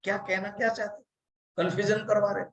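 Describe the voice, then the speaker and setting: A man's voice: high-pitched, level tone, brisk, a bit bright, muffled recording. A man acting out a confused devotee who complains to God with questions. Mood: puzzled.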